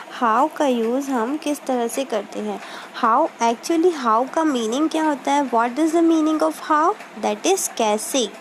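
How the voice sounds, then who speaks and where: A woman teacher giving a recorded English lesson to schoolchildren, explaining slowly, mixing Hindi with English terms and repeating words for pronunciation practice. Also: high-pitched, background noise.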